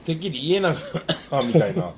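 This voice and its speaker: A man's voice: fairly high pitch, expressive, fairly quick, background noise. A man with an Osaka accent, chatting casually as a podcast host. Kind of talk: casual chat.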